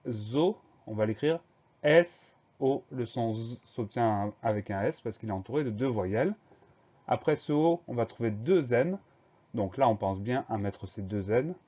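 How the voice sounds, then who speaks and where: Man slowly spelling out words. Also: mid-range voice, mellow, muffled recording. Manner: slow, careful letter-by-letter spelling. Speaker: teacher. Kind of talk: spelling lesson.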